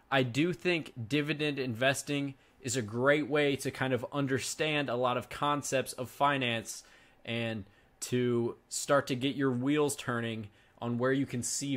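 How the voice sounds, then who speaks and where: Speaking at a medium pitch with a slightly bright quality, a twenty-something man gives laid-back reaction commentary for his finance channel. He chats with viewers, often calling them "guys."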